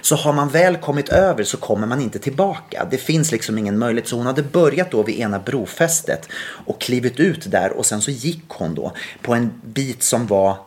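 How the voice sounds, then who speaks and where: A man hosting a podcast, telling a story casually with lively quoted dialogue and frequent restarts. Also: medium pitch. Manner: animated retelling with quoted dialogue and many restarts. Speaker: podcast host.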